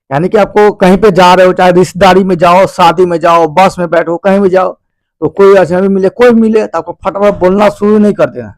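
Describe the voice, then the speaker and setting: A man's voice: sits high, vocal fry, no echo. A man hosting a video, casually explaining a self-help book to his viewers in a conversational, repetitive way. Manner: conversational and repetitive, addresses listeners as "bhai". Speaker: video host.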